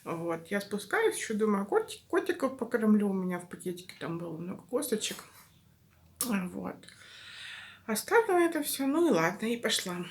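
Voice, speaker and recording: A woman's voice: medium pitch, very animated, normal speed. A woman vlogger, chatting casually and confidingly to her followers in a rambling, informal way. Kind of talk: casual vlog chat to followers. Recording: clear background noise, home-made vlog.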